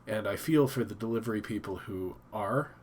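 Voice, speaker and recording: A man's voice: lowish voice, moderate pace, darkish tone, a little hiss or hum. A man hosting a casual live stream from his home office, stuffed up and thinking aloud with many fillers and restarts.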